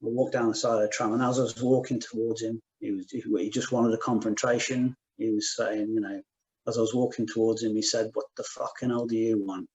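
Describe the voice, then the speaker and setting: A middle-aged man giving a gentle personal testimony at a spiritual meeting, circling back and repeating himself as he speaks. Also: on the low side, flat delivery, brisk, rough recording. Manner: soft-spoken, many restarts and repeated "just". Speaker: guest speaker.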